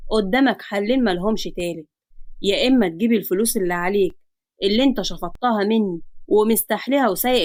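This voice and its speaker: A woman's voice: medium pitch, no room sound, pitched below the performer's own voice, natural voice. A woman voicing a taunting Egyptian psycho man. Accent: Egyptian Arabic. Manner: taunting, sarcastic, slow and threatening. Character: menacing self-styled psycho young man, mocking.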